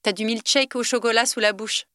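A woman's voice: fairly high pitch, fairly even intonation, brisk, a bit bright, clean tone, dry recording, clean studio sound, natural voice. A woman reading aloud, voicing a restless, teasing teenage girl heroine from a novel. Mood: wry.

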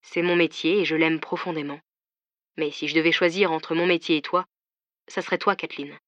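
A woman's voice: low voice, fairly even intonation, moderate pace, a bit bright, no echo, highs cut off. A woman reading a tender, confident man on the phone. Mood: soft, tender. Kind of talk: audiobook reading of a novel.

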